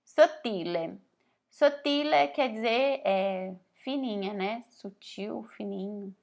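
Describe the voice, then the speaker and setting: A woman from Brazil teaching Italian in a relaxed spoken lesson, explaining slowly, reading phrases aloud and often adding "né?". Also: mid-range voice, gravelly. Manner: frequent "né?" tag questions.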